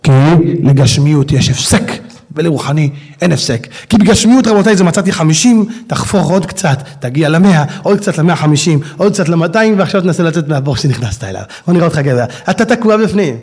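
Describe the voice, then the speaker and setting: A male preacher delivers a sermon with an animated storytelling manner. His voice sits high, and he turns to his listeners with rhetorical questions. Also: husky.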